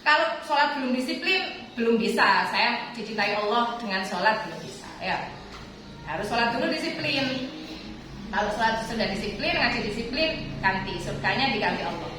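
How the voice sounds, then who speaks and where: A woman's voice: on the high side, expressive, moderate pace, noisy background. A woman with an East Javanese accent giving a casual religious lesson to students, asking rhetorical questions and answering them herself. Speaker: religious teacher addressing students. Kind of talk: informal religious lesson with a personal story. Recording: echoey room picked up from a distance.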